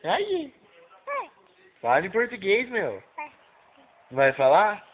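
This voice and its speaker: A playful older sibling coaxes and teases a small child, voice rising and falling in lively swings while the words come slowly. The sound is thin and phone-like, recorded indoors at home with clear chatter in the background. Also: mid-range voice. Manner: coaxing and teasing, playful questions. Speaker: older sibling filming a little sister. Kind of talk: casual home video, talking to a small child.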